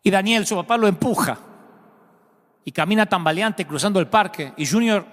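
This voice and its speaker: A man preaching a sermon, telling a story dramatically and rising loudly at its peaks. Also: sits high, expressive, moderate pace. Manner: dramatic, swells loudly when quoting the son. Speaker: pastor. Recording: long hall reverb.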